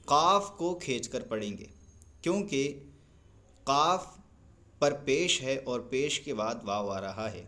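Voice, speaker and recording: A man with a Pakistani Urdu accent teaching Quran recitation, explaining pronunciation rules slowly and carefully. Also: mid-range voice, bright, forceful tone. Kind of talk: tajweed lesson with chanted recitation.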